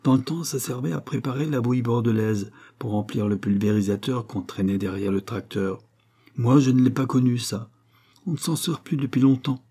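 A man's voice: medium pitch, warm tone, lightly acted. A man voicing an agitated farm woman who talks coarsely and sounds exasperated, in an audiobook. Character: agitated countrywoman, farmer's niece.

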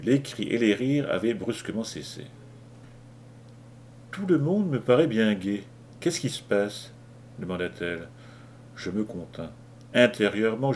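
A man narrating an audiobook with measured, dramatic delivery. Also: fairly low pitch, darkish tone, slight background noise. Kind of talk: audiobook reading.

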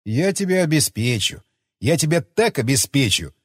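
A weary, conflicted soldier in an audiobook, gruff and brooding, with a husky voice full of rises and falls, as read by a male narrator. The sound is dry and close. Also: mid-range voice, very animated, normal speed, a bit bright, no echo. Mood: threatening.

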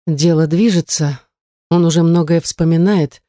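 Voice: mid-range voice, fairly even intonation, a little slow, warm tone, no room sound, studio quality, lightly acted. A reader voicing a wary young woman heroine in an audiobook, giving terse, reluctant replies. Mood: guarded. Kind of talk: audiobook character reading.

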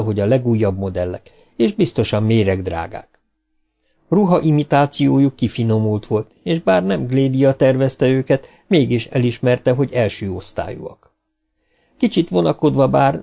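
A man narrating a novel as an audiobook, reading in a calm, measured way. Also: mid-range voice, vocal fry.

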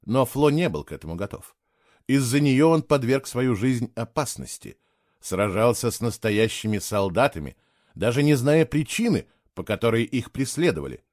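A man reading a novel aloud in a measured, expressive storytelling way. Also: mid-range voice, dry recording, clean studio sound. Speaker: audiobook reader. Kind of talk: scripted narration.

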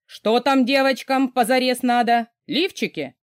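A woman's voice: fairly high pitch, measured pace, no room sound, clean studio sound, pitched above the performer's own voice, natural voice. A woman voicing an overbearing wealthy man, a huge mocking boss who barks orders. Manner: gruff, barking, mocking orders.

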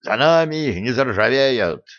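A man reading an audiobook voices a laconic male dog who answers in short, gruff bursts, on a dull lo-fi recording. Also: mid-range voice, lively intonation, measured pace, a bit bright, voice pushed up. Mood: terse. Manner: laconic, yapping. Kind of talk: audiobook character voicing.

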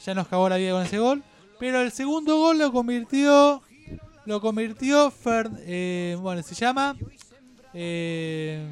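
On a radio show, an Argentine co-host chats in a rambling, opinionated way, stumbling, digressing and saying things twice. His voice sits high and sounds clean.

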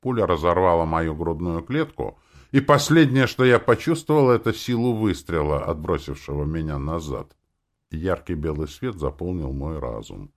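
A man narrating a dark first-person story in an expressive dramatic reading. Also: moderate pace. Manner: expressive, with lively pitch swings.

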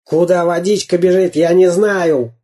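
A narrator voicing a brutish bearded pirate captain in a gruff, barking way. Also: medium pitch, unhurried, dark tone, lightly acted. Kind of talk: audiobook character voice.

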